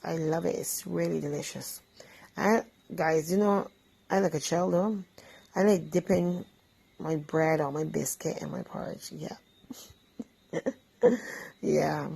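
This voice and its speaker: A Barbadian woman hosts her own cooking vlog in an easygoing, chatty way, talking to viewers between bites of breakfast. Her voice sits low and has a gravelly texture. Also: dark tone, poor audio. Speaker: vlog host. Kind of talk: casual cooking chat while eating.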